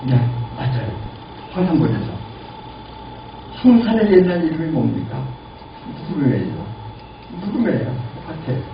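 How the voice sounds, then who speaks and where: A man in his eighties giving a lively lecture and asking the audience questions. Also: on the high side, normal speed, pauses often. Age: 80s. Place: lecture room. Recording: lo-fi, echoey, distant, noisy.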